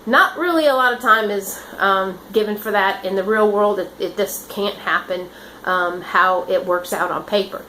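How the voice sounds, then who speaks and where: Older woman, nurse, rambling earnest storyteller, mid-pitched, faint hiss behind. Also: normal speed, pushed and bright, poor audio. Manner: rambling, earnest, with many restarts and fillers. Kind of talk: casual storytelling.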